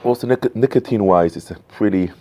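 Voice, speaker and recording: A man in his fifties chatting casually to camera outdoors, in an unhurried, musing manner with frequent pauses. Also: lowish voice, dark tone. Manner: unhurried, musing, pausing often. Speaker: pipe tobacco reviewer. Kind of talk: casual vlog chat. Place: covered porch outdoors at night. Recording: noisy home-made outdoor recording.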